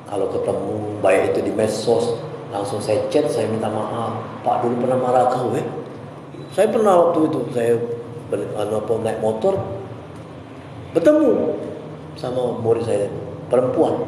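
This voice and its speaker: Animated male preacher in an echoey hall. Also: lowish voice, a little hiss or hum. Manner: animated storytelling, acts out scolding voices. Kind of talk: religious lecture. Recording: very echoey hall with faint ambience.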